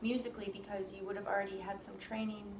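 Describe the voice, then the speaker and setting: A woman interviewing a guest, asking gentle, curious questions and listening attentively. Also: mid-range voice, quick pace. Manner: attentive, asks gentle questions, frequent soft backchannels. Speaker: interviewer, violinist. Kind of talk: casual interview. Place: room in New York. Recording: roomy sound with steady background noise.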